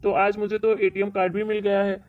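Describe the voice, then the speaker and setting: A woman's voice: medium pitch, flat delivery, fairly quick, close to an everyday voice. Woman doing a greedy son, kinda argumentative, muffled lo-fi audio. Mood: scheming. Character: greedy middle-aged son and husband. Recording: dull lo-fi recording.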